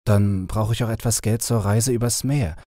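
A man's voice: lowish voice, fairly even intonation, moderate pace, mellow, no room sound, studio quality, natural voice. A man voicing a young male captive prince who pleads earnestly for help, in an audiobook reading. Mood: earnest pleading.

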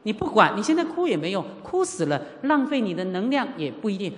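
Animated Buddhist teacher in a reverberant hall. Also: mid-range voice, quick pace. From Taiwan. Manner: animated, acts out dialogue, asks the audience rhetorical questions. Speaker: Buddhist teacher giving a sutra lecture. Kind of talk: sermon with personal storytelling. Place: lecture hall at a Buddhist centre. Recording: long reverb of a lecture hall.

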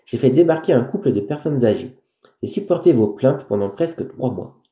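A man's voice: mid-range voice, animated, warm tone, close to an everyday voice. A man voicing a stern, formal middle-aged cruise director who lays down the rules. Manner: formal, firm, measured. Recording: roomy echo.

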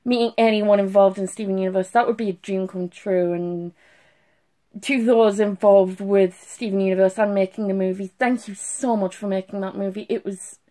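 A woman's voice: mid-range voice, fairly even intonation, normal speed, warm tone. A young adult woman who has just been crying gives a casual, gushing video review into a phone held at arm's length in a small room at home. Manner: emotional gushing with restarts and trailing thoughts. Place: small bedroom at home, indoors.

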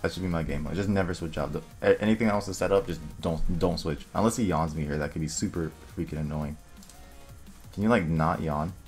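A young man casually commentating his own online game, thinking aloud and muttering quick asides to himself. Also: deep voice, darkish tone. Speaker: gaming video creator. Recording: faint music underneath.

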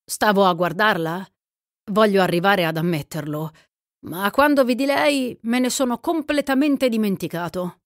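A woman voices a gallant young gambler in a smooth, flattering manner. Her mid-range voice stays close to her everyday one and moves at a moderate pace, captured in a dry, studio-quality recording.

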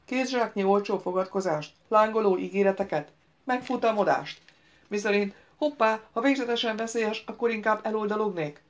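A woman's voice: mid-range voice, highs cut off, voice pushed up, natural voice. A woman voicing a proud young prince who answers back defiantly and sarcastically.

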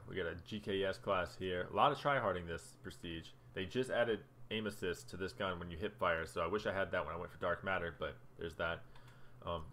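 A man's voice: low voice, bright, forceful tone, slight background noise. A young man casually talking through his game stats as a gaming video creator, chatty and loose while scrolling through menus. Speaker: gaming YouTuber. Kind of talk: casual gameplay commentary.

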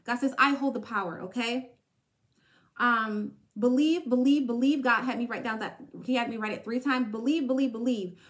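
Emphatic high-voiced woman preaching. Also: steady tone, normal speed, fairly bright tone. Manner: emphatic, repetitive, punctuates with "okay?". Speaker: podcast host. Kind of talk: spiritual pep talk.

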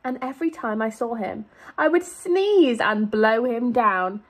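A young teacher reads a children's storybook aloud at an unhurried pace, her voice a little high. She reads expressively, drawing out the key words to emphasize them for her young audience.

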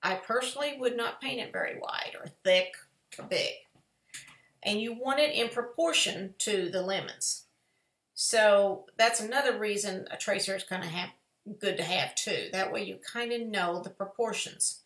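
A woman's voice: medium pitch, moderate pace, fairly bright tone. A woman, giving a chatty, folksy step-by-step painting lesson in a live tutorial. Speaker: painting teacher. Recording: echoey room.

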